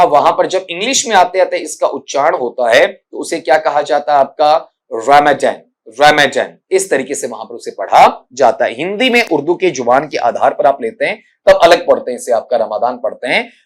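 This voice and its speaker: A man from India teaching an exam prep English lesson. He repeats words slowly and calls his students "beta". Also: fairly high pitch.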